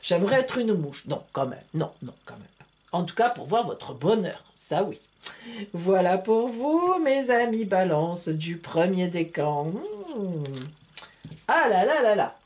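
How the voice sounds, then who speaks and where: A woman with a fairly low, slightly dark voice speaks a little slowly and with animation as she casually reads a monthly tarot horoscope to camera. A tarot reader and astrologer, she's chatty and playful, sprinkling her talk with fillers like "hein" and "voilà."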